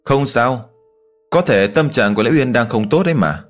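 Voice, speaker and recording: Guy doing a steady young swordsman, calm and comforting, mid pitch, audiobook. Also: moderate pace, faint music behind, close to an everyday voice. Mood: soothing. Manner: calm, reassuring. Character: calm young male martial hero.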